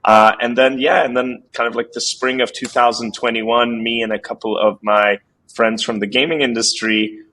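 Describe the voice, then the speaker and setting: A man's voice: medium pitch, steady tone, moderate pace, fairly bright tone. A man in his thirties from Switzerland, a startup founder talking casually in an interview, rambling with many fillers and restarts.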